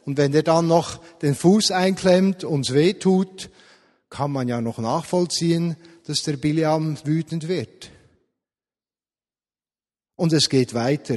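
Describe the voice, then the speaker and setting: A man's voice: fairly high pitch, darkish tone, in a large hall. A middle-aged man preaching a sermon, retelling a story and asking the congregation questions in a conversational way.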